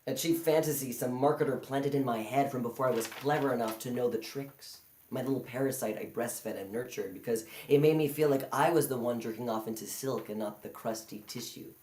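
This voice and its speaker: Performing a live stage monologue in an indoor hall, a man plays a bitter, self-loathing failure with sardonic, crude lines. His voice is mid-range and darkish, lightly acted, and the hall gives an echoey sound.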